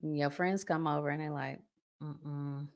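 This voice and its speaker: She has a deep voice with fairly even intonation and a slightly slow delivery. As an American host of a relationship advice channel, she gives casual advice with acted-out examples, speaking emphatically in colloquial terms and elongating key words.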